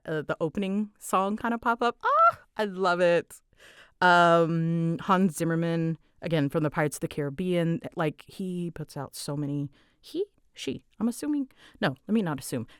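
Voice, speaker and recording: Recorded dry in studio quality, a woman with a fairly low voice answers listener questions. As an audio creator and voice actor she chats casually without a script, nervous and giggly, her talk scattered and rambling as she interrupts herself and skips between thoughts.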